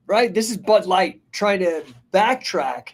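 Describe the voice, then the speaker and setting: A man's voice: high-pitched, animated, takes it slowly. A man in his fifties hosting a live stream, chatting casually and rambling as he reads out viewer names and comments. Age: 50s. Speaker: host and business coach. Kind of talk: casual livestream talk.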